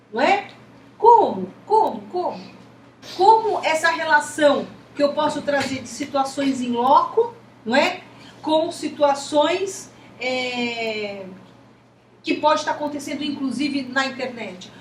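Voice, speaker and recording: A Brazilian Portuguese-accented woman lectures a class with a high voice, often pausing on rhetorical "isn't it?" questions. She is recorded from a distance in an echoey room, with faint noise behind her. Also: a bit bright. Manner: talkative, repeats rhetorical questions. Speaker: teacher.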